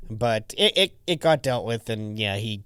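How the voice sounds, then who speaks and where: A man co-hosting a podcast who rambles through a story, stacking up fillers and slipping in dry jokes. His voice is smooth and clear, recorded close and dry. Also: fairly low pitch, lively intonation, a little slow, fairly bright tone, no room sound. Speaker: podcast co-host. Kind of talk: casual storytelling chat.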